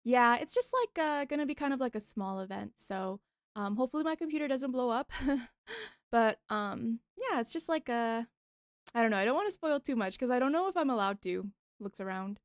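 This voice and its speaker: A young woman streamer chatting casually with her viewers, bubbly and talkative, reacting loudly to the chat. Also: a little high, animated, a little fast, dry recording, clean studio sound.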